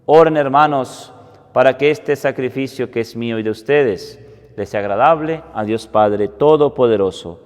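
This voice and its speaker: A man, a priest giving a homily and prayers at Mass in a solemn, deliberate way, with a cathedral-like echo. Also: medium pitch. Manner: solemn, deliberate delivery with measured phrases. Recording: cathedral-like echo, long reverb.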